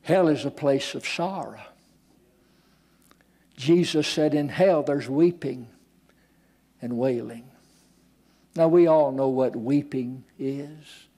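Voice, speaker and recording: A man's voice: medium pitch, slow, long pauses, dark tone. An older male pastor preaching a sermon in a church, dramatic and acting out the voices he quotes.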